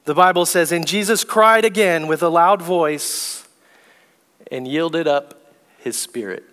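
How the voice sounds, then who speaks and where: A male pastor preaching a sermon slowly and deliberately, reading scripture aloud. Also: on the high side, fairly bright tone, in a large hall. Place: church sanctuary.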